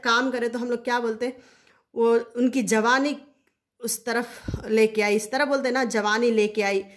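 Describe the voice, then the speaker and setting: A woman teaching Quranic Arabic grammar in a casual explanatory lesson, often repeating key terms for her listeners. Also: fairly high pitch.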